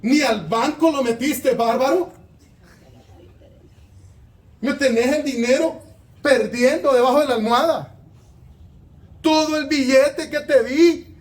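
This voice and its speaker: A man's voice: extremely high pitch, voice pushed up. A preacher with a Honduran Spanish accent voicing a stern male master who indignantly demands what was done with his money. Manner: scolding, indignant questioning.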